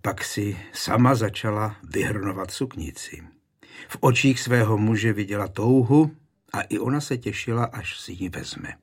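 A man narrating a historical novel in a measured, storytelling manner. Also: on the low side, husky. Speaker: audiobook narrator.

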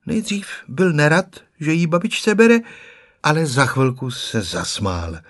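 A man narrating a children's story in an expressive storytelling manner. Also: fairly high pitch, no echo, studio quality. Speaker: audiobook narrator.

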